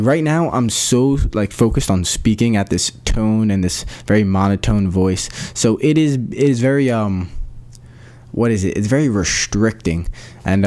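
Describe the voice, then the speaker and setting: Rambling young man with a low voice. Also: darkish tone. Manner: rambling, with many fillers and restarts; casual slangy delivery. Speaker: podcast host. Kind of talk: casual solo podcast talk. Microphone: USB microphone.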